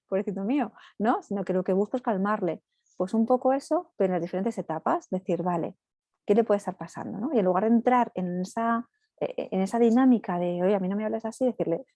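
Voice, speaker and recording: A woman family therapist giving a talk to parents, explaining in a steady teaching way with frequent "right?" tags. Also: medium pitch, no echo. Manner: acts out parents' and children's lines in passing.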